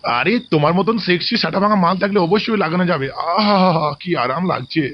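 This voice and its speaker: A randy old father-in-law in his sixties, acted by a woman drawls his lines gruffly. His voice sits well below her own. The track sounds muffled and lo-fi, as in a cheap comedy skit. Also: lowish voice, lively intonation, fast, dry recording. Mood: lusty. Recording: dull lo-fi recording.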